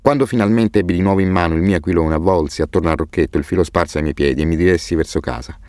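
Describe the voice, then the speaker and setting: A man reading an audiobook with expressive, measured storytelling. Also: low voice, no echo, clean studio sound. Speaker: audiobook narrator. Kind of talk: scripted narration.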